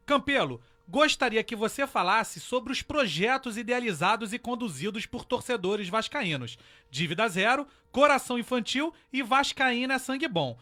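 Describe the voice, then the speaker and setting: Bright, high-voiced male radio co-host. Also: animated, moderate pace. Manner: reads questions out formally. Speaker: radio co-host reading listener questions. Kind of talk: radio talk show.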